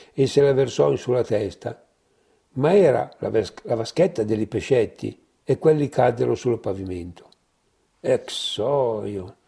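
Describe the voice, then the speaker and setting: A man narrating a story in deliberately old-fashioned language, reading slowly. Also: mid-range voice, gravelly, dark tone, husky. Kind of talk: storytelling in mock-archaic language.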